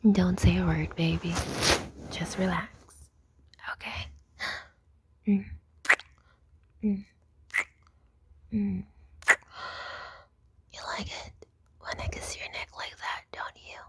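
A young woman whispering close to the mic in an intimate roleplay, soft, coaxing and dominant. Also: lowish voice, fairly even intonation, slow, vocal fry, pauses often. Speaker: audio roleplay performer.

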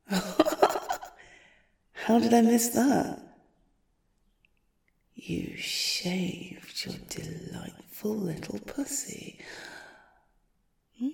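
A woman voicing an obsessive, unhinged female stalker in a whispered audio roleplay, crooning slowly and intimately in a breathy voice. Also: a little mellow, heavily acted. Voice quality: breathy whisper with creaky low tones. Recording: roomy echo.

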